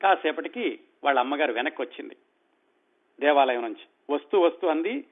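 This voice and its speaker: Guy retelling a novel, chatty storyteller, slightly high voice, tinny phone sound. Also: animated, brisk. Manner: conversational, acting out dialogue, commenting in between. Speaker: storyteller host.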